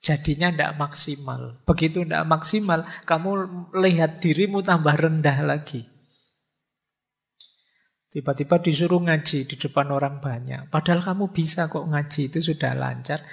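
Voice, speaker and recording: Gravelly man lecturing casually. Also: on the high side, normal speed, a bit bright. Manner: informal teaching, Javanese-flavored asides, acts out inner voices. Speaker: lecturer on philosophy. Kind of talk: casual religious study lecture.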